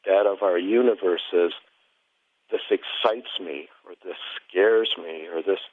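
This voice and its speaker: A low-voiced man speaks as an interview guest over a thin, narrow telephone line with no echo. He gives a reflective, conversational explanation in halting, thoughtful phrases broken into short pieces.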